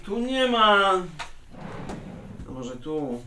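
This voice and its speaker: Grumbling middle-aged husband, radio comedy, lively pitch. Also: male voice, extremely slow, a little hiss or hum, heavily acted. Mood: bickering. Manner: exasperated, wheedling, lively intonation.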